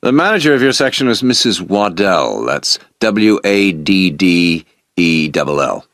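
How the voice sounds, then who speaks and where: A polite shop manager in a scripted lesson dialogue. His voice is fairly low and lively in pitch, explaining things courteously in a dry, close recording. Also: a little slow, no room sound, heavily acted. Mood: courteous, informative. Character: polite male shop manager briefing a new employee. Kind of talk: scripted listening-test dialogue.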